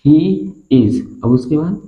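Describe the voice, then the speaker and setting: A man's voice: on the high side, lively intonation. Man teaching with echoey, tinny sound. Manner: spells out words slowly and keeps asking the class to repeat. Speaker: English teacher. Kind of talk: classroom-style spoken lesson. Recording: echoey room on a tinny, phone-like line.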